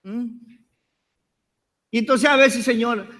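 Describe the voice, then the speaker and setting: High-voiced fervent male preacher. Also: lively intonation, normal speed. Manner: fervent, calls on the congregation to repeat phrases; jokes and rises to shouts at times. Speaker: apostle preaching to a congregation. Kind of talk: sermon.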